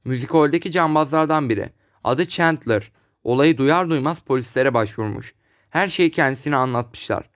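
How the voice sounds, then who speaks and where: A man reading aloud, voicing a matter-of-fact visiting official who reports news and gives a quiet warning. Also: mid-range voice, normal speed, lightly acted. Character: male police visitor, measured and warning.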